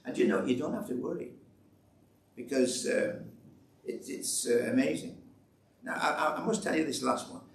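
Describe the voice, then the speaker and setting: A man's voice: mid-range voice, moderate pace, creaky, a little hiss or hum. A man giving a church talk, chatty and storytelling, re-enacting conversations and urging listeners on. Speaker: church speaker giving testimony. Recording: roomy echo, distant mic, faint ambience.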